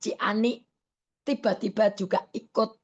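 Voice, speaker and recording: A woman evangelist preaching a sermon over an online video call, earnest and slow, often stopping on fillers and correcting herself. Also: medium pitch, steady tone, husky, muffled recording.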